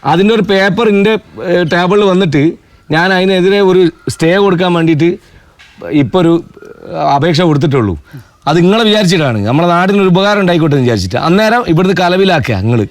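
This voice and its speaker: A man with a Kozhikode Malayalam accent, calmly mediating a village quarrel and explaining at length. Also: sits high, no echo. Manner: calm, explaining at length, fast-talking. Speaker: local mediator settling a neighbour dispute. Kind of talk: Malabar village comedy serial acting.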